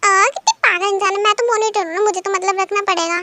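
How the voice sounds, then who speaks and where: A woman's voice: extremely high pitch, fast, pushed and bright. A woman voicing a chatty, dutiful teenage girl who is the class monitor and teases her friend. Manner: chatty and teasing.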